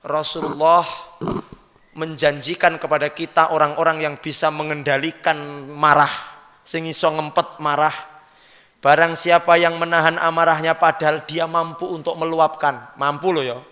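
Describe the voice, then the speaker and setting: Give me a lively Javanese preacher with a fairly high, bright voice. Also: male voice, normal speed. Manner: lively, questions the audience, mixes in local words. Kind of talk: sermon. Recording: long hall reverb.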